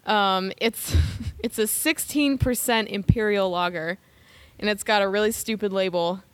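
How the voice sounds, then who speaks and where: A woman's voice: medium pitch, unhurried, smooth, no echo. A woman co-hosting a casual podcast chat, chatty and full of "like", laughing easily. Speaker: podcast co-host.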